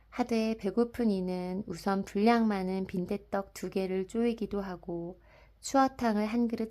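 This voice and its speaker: A woman narrating a classic story in a soft, even, unhurried reading voice. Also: medium pitch. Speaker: audiobook narrator. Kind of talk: calm literary audiobook narration.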